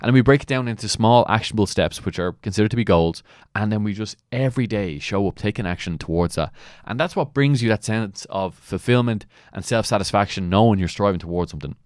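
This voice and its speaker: Very deep-voiced male coach, dry recording. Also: fast, a little mellow, no echo. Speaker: mentor and coach. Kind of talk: motivational commentary on a client testimonial.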